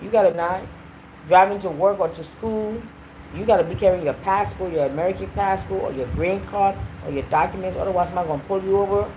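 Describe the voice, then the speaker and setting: Woman, live-stream host, chatty, animated, middle pitch, faint hum behind. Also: fast, poor audio. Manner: chatty, animated, talks to viewers directly. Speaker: livestream host. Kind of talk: casual live-stream chat.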